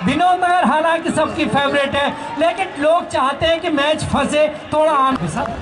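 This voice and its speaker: A man calls a cricket match in a high, excited voice that often rises to a shout. His words bounce around an echoing outdoor stadium, picked up from a distance. Crowd chatter and steady noise sit underneath. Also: moderate pace. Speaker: cricket commentator. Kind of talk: live match commentary over a public address.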